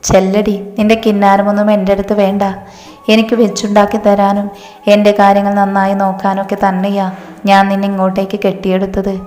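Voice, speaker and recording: A woman's voice: mid-range voice, monotone, a little fast, mellow, close to an everyday voice. A woman voicing an abusive, bullying young husband who speaks in a harsh, mocking, threatening way. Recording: echoey room, faint music.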